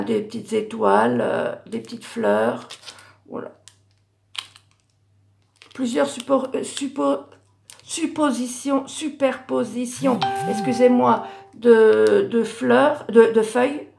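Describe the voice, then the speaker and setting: A middle-aged woman showing her handmade Christmas cards in a casual craft vlog, hesitant with many fillers and self-corrections, her voice going hoarse. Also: fairly high pitch, animated, takes it slowly, long pauses, a little mellow, a little hiss or hum. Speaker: craft YouTuber.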